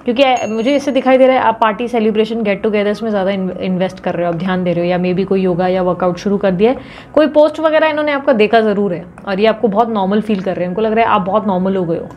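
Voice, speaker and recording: A woman's voice: medium pitch, fast, a little mellow, a little hiss or hum. A woman reading tarot for her viewers in a chatty, teasing way, often acting out quoted lines. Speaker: tarot reader.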